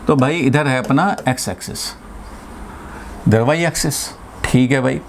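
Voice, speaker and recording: A middle-aged man from India teaching a physics class, explaining slowly and repeating key points, with English terms mixed into his Hindi. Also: mid-range voice, a little hiss or hum. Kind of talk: classroom lecture.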